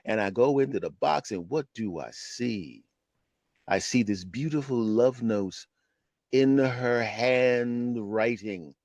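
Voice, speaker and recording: A man in his fifties, a retired comedian, telling a personal story on his podcast in an animated, conversational way. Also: mid-range voice, takes it slowly, dry recording. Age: 50s. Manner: animated, conversational, keeps asking "right?". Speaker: podcast host.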